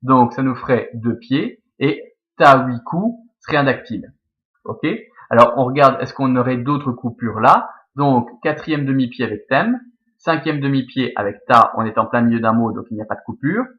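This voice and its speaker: A man's voice: mid-range voice, normal speed, muffled recording. Belgian man teaching, thinking aloud step by step. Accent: Belgian French. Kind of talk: explaining Latin verse scansion.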